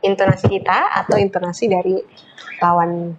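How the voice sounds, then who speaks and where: Woman, health talk guest, long explanations, filler-heavy, mid pitch. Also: level tone, moderate pace, highs cut off, noisy background. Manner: explains at length with many fillers, acts out quoted remarks. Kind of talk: explanatory talk show chat.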